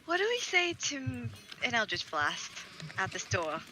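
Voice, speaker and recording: A woman playing a tabletop role-playing game, excitable and playful. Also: fairly high pitch, normal speed, a little hiss or hum, rough recording. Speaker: player. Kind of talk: casual tabletop play.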